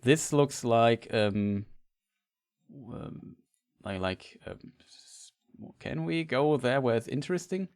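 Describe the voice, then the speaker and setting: Streamer, male, English, mid-pitched, rambling and chatty. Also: expressive, darkish tone. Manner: rambling, halting restarts, chatty with viewers. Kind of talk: casual live-stream chat.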